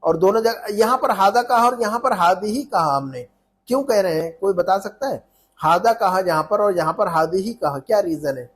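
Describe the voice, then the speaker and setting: A man's voice: high voice, expressive, moderate pace, a bit bright. A man teaching an Arabic lesson in Urdu, repeating phrases and checking that students follow.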